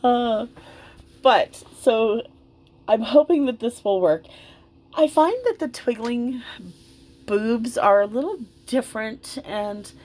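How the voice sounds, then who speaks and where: Speaking slowly and pausing often, a woman with a slightly high, darkish voice rambles effusively as she dresses a doll. She's a hobbyist vlogger giving casual, chatty commentary.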